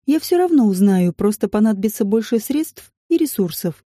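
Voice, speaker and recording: A woman's voice: mid-range voice, lively intonation, normal speed, mellow, dry recording, clean studio sound. A woman narrating a first-person audiobook in a wry, ironic storytelling manner.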